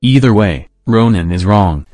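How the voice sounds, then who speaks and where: Robot voice, male, low, dry close sound, flat scripted correction. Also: unhurried, dry recording. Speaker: fact-checking narrator.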